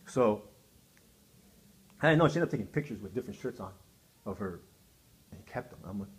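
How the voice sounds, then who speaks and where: Fast-talking man telling his side. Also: on the low side, expressive. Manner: rambling, repeats himself, acts out quotes. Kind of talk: emotional personal account.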